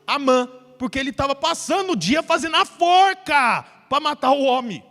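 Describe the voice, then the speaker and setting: A male pastor preaching a sermon, telling a Bible story in a lively way and acting out the characters in a church. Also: extremely high pitch, moderate pace. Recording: hall reverb with faint music.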